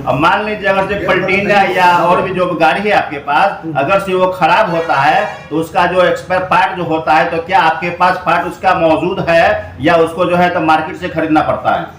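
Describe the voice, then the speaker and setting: A man works as a local reporter, putting long, meandering questions in an interview. His voice sits slightly high, in an echoey space. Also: steady tone, moderate pace, hardly any pauses, a bit bright. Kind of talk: on-location interview. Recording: echoey room with faint noise.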